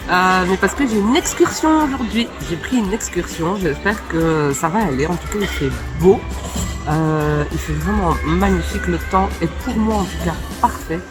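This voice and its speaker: A woman's voice: fairly low pitch, expressive, normal speed, music in the background. A young woman talking to her phone camera in a casual travel vlog, chatty and upbeat, recorded outdoors. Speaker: travel vlogger. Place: outdoors on a trip, at the airport, the hotel and on an excursion.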